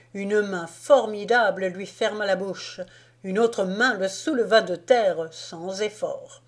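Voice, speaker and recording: A woman reading a historical novel aloud in a slow, measured narration. Her pitch sits mid-range and her delivery stays deliberate and even. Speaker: audiobook narrator.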